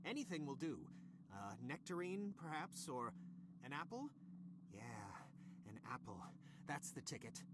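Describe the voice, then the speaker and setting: A man's voice: fairly high pitch, very animated, unhurried, heavy background noise. An actor voicing an irritable middle-aged male scientist boss who snaps sarcastically and then apologizes. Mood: sarcastic.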